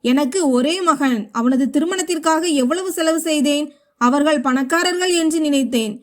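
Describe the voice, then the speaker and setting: A woman's voice: high voice, normal speed, lightly acted. A woman reading the lines of an angry, domineering middle-aged mother-in-law in a storybook narration, scolding and harsh. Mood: bitter.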